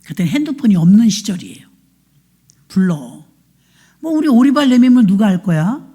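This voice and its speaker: A woman pastor delivers a sermon as a lively, colloquial story. She acts out the voices of the people in it. Her voice is slightly husky, and her pitch swings widely. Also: moderate pace. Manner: animated storytelling, acting out quoted voices; plain-spoken, colloquial. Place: church.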